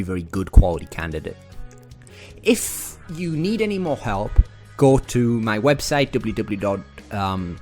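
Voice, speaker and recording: Here a business owner from northeast England offers advice straight to camera in a relaxed, salesy vlog style, his northern English accent and darkish tone coming through. He keeps it chatty and upbeat with chuckling asides while faint music plays beneath.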